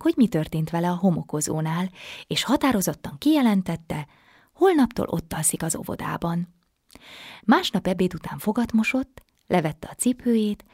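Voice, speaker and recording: Gentle low-voiced woman reading a bedtime story. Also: husky, no echo, studio quality. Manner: gentle, often dropping to a soft whisper.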